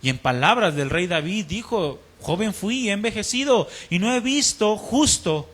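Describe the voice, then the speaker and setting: Preacher guy, fairly high voice, earnest sermon, acts out the people in his story. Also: animated, normal speed, fairly bright tone. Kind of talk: sermon with personal testimony.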